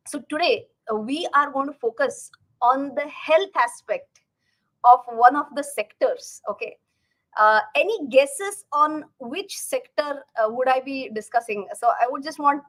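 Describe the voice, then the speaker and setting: Chatty high-voiced Indian woman hosting. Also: fairly bright tone, poor audio. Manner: chatty, addresses viewers directly, repeats words for emphasis. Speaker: host, finance educator. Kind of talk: casual livestream talk to viewers.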